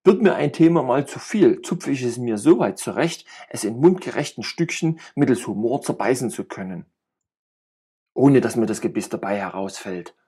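With a warm, husky, medium-pitched voice, lively intonation and a moderate pace, a man reads a passage in character as a talkative middle-aged pal, rambling along and ribbing others with cynical, playful wit.

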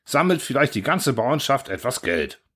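A man voicing a bumbling male airfield guard who fumbles through a speech with halting fillers, in a storybook reading. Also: medium pitch, big pitch swings, a bit bright, slightly rough, voice pushed up. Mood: earnest rambling. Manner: halting, rambling, full of fillers.

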